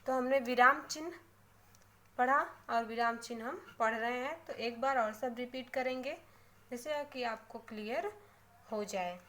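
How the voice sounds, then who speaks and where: A woman with a somewhat high voice teaches a classroom grammar lesson. She goes through terms one at a time and repeats them slowly. She keeps checking in with short tag questions. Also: fairly bright tone.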